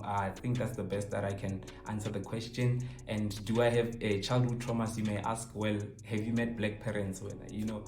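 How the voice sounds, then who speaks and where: A South African YouTuber in his twenties answers viewer questions in a casual chat to camera, his fairly low voice animated and joking. He code-switches between languages as he talks. The room echoes, and music plays faintly in the background.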